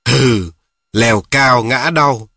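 A man voicing a smug little tree frog who talks slowly and pretends to be wise. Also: medium pitch, expressive, a bit bright, slightly rough, no room sound, clean studio sound. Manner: slow, mock-profound, sneering.

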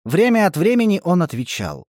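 A man's voice: high-pitched, wildly swooping pitch, brisk, a little mellow, dry recording. Male audiobook narrator, dry close sound. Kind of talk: scripted literary narration.

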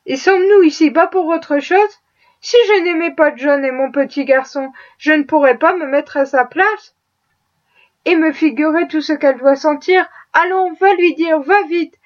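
A woman reading the part of an eager, cheerful young Quaker woman in a raised, brighter voice. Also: high-pitched, moderate pace, lightly acted. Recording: muffled lo-fi audio.

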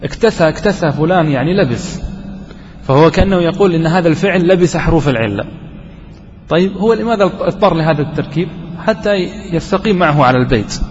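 A man's voice: a little high, expressive, fast, a little hiss or hum. Man teaching grammar in an echoing hall. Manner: explains step by step with questions to students. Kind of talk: classroom lesson. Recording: dull lo-fi recording with long reverb in a hall.

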